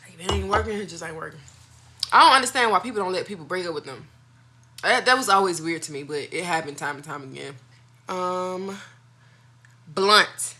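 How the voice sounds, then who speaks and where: Bright, forceful woman chatting casually. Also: lowish voice, a little fast, long pauses. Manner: candid, opinionated, informal slangy speech. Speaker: mukbang video host. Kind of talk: casual chat to viewers.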